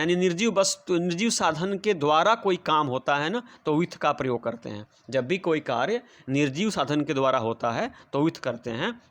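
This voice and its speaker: A man's voice: a little high, fairly bright tone. A man teaching English prepositions to children, explaining patiently and repeating each example sentence. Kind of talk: classroom lesson.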